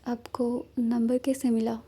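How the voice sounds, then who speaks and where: A woman voicing a soft-spoken, calm young female teacher, in a storybook reading. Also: fairly high pitch, slow, breathy edge, full character voice. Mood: calm, unsure. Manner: soft, restrained.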